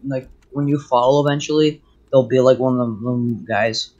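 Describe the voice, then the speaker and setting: Young guy gaming with a friend, mid pitch, rambly and jokey. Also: steady tone, normal speed, darkish tone, muffled recording. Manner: rambling, joking, trails off mid-thought. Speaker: gaming co-player. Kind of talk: casual gameplay chat.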